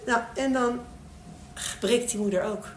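Animated woman telling stories in an echoey room. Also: a little high, measured pace, far from the mic. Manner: animated storytelling, acting out the people in her stories. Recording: echoey room, speaker away from mic, faint noise.

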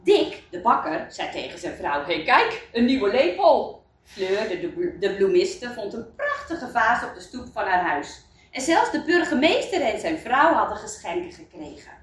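A woman reading a children's story aloud, in an expressive storybook manner. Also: medium pitch, moderate pace. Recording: roomy, distant mic.

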